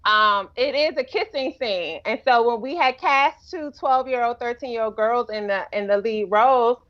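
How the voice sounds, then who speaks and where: A woman with a fairly high voice tells stories about making her film in a relaxed podcast chat. She talks with lively energy and breaks into voices when quoting others. The sound is dull and lo-fi. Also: normal speed. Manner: animated storyteller, acts out quotes with laughter. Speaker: filmmaker guest.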